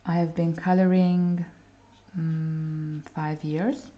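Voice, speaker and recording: Reading viewer comments aloud and chatting casually, a woman from Hungary hosts a coloring livestream. Her low voice stays level and slow, and the stream's sound is dull and lo-fi.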